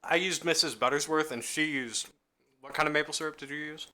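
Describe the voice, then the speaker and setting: Quick, bright-voiced man eating on stream. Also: fairly high pitch. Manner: talks with his mouth full, chatty and enthusiastic. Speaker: streamer hosting a cooking stream. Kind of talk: casual chat while eating on a live stream. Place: home kitchen.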